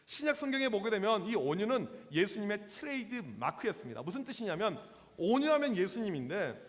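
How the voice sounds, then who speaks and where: A man in his forties preaches to teenagers as a youth pastor, high-pitched and very lively, slipping into playful voices for the stories he tells. His voice rings with the long reverb of a church hall. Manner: lively, acts out quotes in voices, slangy with teens. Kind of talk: sermon to teenagers.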